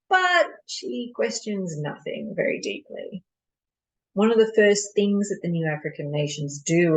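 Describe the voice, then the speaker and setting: A woman with a fairly low voice performs a stage monologue as a disillusioned colonial mission doctor. She delivers it with bitter candor and deliberation, using dramatic pauses, on a low-quality recording.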